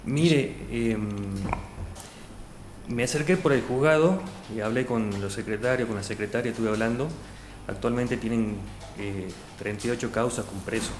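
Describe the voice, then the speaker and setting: A man in his thirties from Salta province, Argentina, speaks with a Salta Argentine Spanish accent at medium pitch and normal speed. He is a job candidate facing a formal interview panel, answering hesitantly with lots of fillers and restarts. The room is echoey, with faint noise.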